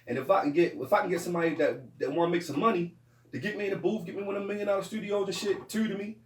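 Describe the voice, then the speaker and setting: A man who raps, talking in a casual podcast chat. He is animated and profane, laughs often and restarts his sentences a lot. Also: sits high, very fast, distant mic. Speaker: rapper and podcast guest. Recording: roomy, off-mic, faint noise.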